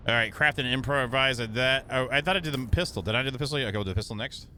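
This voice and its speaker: A man streams a video game, giving casual commentary as he jokes with his viewers in a playful, animated manner. His mid-range voice moves very fast, and there is a little hiss or hum in the recording.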